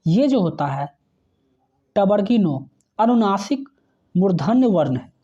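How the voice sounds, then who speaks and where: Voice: medium pitch, big pitch swings, slow, warm tone, dull audio. A teacher giving an exam-prep grammar lesson, who spells out sounds one by one and often checks in with the viewer.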